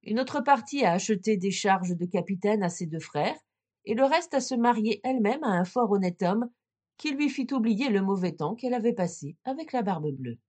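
Woman reading a classic fairy tale. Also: medium pitch. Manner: measured, expressive narration. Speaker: storyteller.

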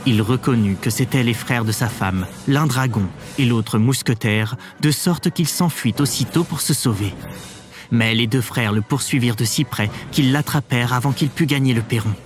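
A man narrating a fairy tale in an expressive, measured storybook reading. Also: medium pitch, faint music behind.

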